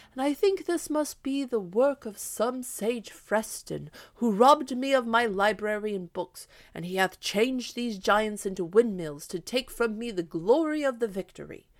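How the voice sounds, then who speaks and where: A woman's voice: mid-range voice, natural voice. A woman voicing a proud, deluded older male knight-errant who speaks in grand, archaic declamations.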